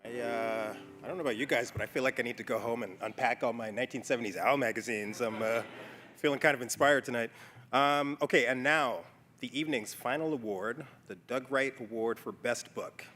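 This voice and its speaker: Bright-voiced man hosting an award night. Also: mid-range voice, a little fast. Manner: relaxed, with hesitant fillers. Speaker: host of the ceremony. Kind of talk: casual emcee patter. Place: banquet hall. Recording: reverberant hall with faint noise.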